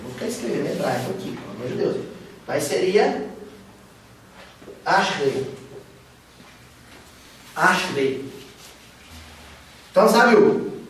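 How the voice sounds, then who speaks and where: Give me a man leading a study group, animated, with faint room noise behind. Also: high voice, fast talker. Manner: animated, asks listeners often. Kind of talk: informal teaching talk. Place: study room of a spiritist center. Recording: echoey room from far off.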